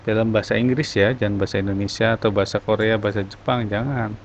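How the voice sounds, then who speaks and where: A man's voice: fairly low pitch, fairly even intonation, fast. Encouraging man teaching a class, lo-fi. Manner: encouraging, explains step by step. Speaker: English teacher. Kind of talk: online class talk. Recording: dull lo-fi recording, faint noise.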